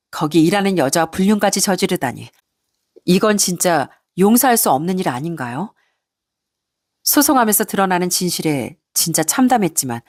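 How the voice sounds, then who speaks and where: A woman's voice: lowish voice, no echo, studio quality. A woman reading a first-person story in a conversational, indignant storytelling manner. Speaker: story narrator.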